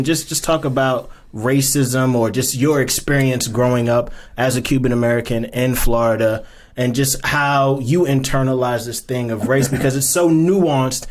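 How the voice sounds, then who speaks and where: Earnest man hosting a casual podcast. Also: medium pitch. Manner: earnest, searching for words, repeats himself. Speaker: podcast host.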